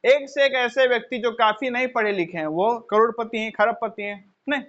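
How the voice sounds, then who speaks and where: A man's voice: very high-pitched, steady tone, moderate pace, a bit bright. A male teacher giving a motivational classroom lecture, asking questions and answering them himself and addressing his listeners as children. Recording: dull lo-fi recording.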